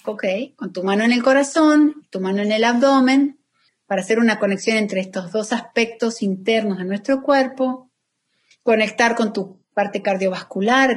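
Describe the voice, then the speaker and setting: A woman therapist talks in a calm, soothing way. She slows right down when she leads breathing exercises, and her voice sits at a middling pitch. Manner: calm, soothing, slowing down for guided phrases. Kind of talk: guiding a breathing exercise in an interview.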